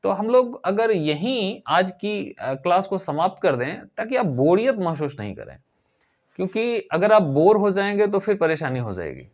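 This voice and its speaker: A man teaches an English grammar lesson, his voice sitting high for a man. He explains patiently, repeats his points and spells words out slowly. The recording is dull and lo-fi. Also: big pitch swings.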